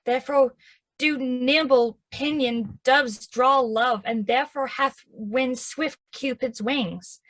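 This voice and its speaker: A woman's voice: high-pitched, fairly even intonation, slow, fairly bright tone, heavily acted. Woman playing an eager Southern girl in love. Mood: impatient. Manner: eager, pleading, impatient. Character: impatient young girl in love. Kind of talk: stage acting of verse drama.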